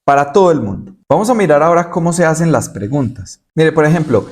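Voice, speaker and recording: A male English teacher, his voice sitting a little high for a man. He walks through each point step by step and repeats the English examples slowly with clear stress. It sounds like a recorded video lesson. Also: lively intonation, a little mellow.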